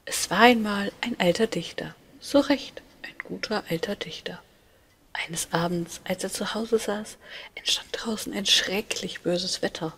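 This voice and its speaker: A woman reading a fairy tale aloud in a calm, hushed voice that often drops to a whisper. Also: mid-range voice, measured pace, husky. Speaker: storyteller.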